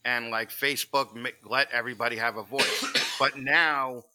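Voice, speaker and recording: A man's voice: mid-range voice, steady tone, moderate pace, background noise. A man talking bluntly and profanely in a casual podcast chat. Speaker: podcast guest.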